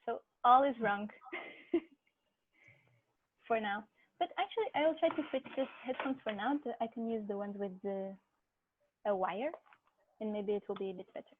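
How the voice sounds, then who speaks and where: A woman's voice: medium pitch, moderate pace, long pauses, a little hiss or hum. Muffled woman, as if through a wall. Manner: friendly, hesitant, frequent fillers and small laughs. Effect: muffled, as if heard through a wall. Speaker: dance and movement teacher. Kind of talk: online class introduction. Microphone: cheap headphone mic on a video call. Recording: muffled tinny video call through cheap headphones.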